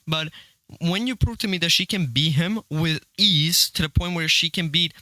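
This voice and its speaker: A man's voice: a little high, moderate pace, bright, forceful tone, dry recording, poor audio. A young man arguing his points in a casual online debate on a voice call, dismissive and insistent. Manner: argumentative, dismissive.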